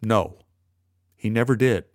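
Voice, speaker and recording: A stern middle-aged boss, as a storyteller voices him, speaking firm and measured. His pitch sits a little above the narrator's usual voice. The man reading keeps the recording dry and close. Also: no room sound.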